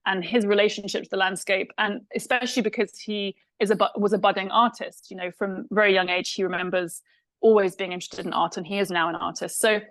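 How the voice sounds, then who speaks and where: A woman's voice: mid-range voice, steady tone, quick pace, fairly bright tone, no echo, low-quality recording. A woman from England with an English accent, a film director answering interview questions thoughtfully, with many fillers and restarts.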